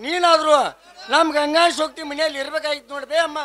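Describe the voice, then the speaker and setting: A man's voice: very high-pitched, flat delivery, fast talker, pushed and bright. A man playing a young merchant son about to leave on trade, in a folk stage play, with a North Karnataka Kannada accent and a pleading, respectful manner. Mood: earnest. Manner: pleading, addresses mother with "be amma".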